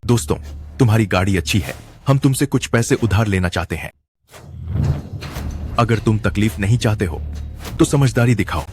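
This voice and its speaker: A man playing a low-voiced menacing thug leader. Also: normal speed, long pauses, a little mellow, faint music behind, lightly acted. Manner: threatening, mocking.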